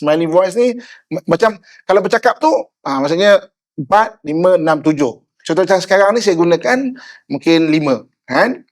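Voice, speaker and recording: A middle-aged Malaysian preacher with a bright, high-pitched voice gives an animated sermon. He speaks with a Malaysian Malay accent and keeps checking in with his listeners. He often slips into acted examples of different tones. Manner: animated, often asks "kan?", acts out tones of voice. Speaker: Islamic preacher.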